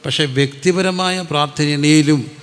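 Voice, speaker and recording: A pastor preaches a sermon, posing questions to the congregation, answering them himself and calling out hallelujah, and he slows right down when reciting prayer lines. His male voice is on the high side, fairly even in intonation and fairly bright, with a big-room sound.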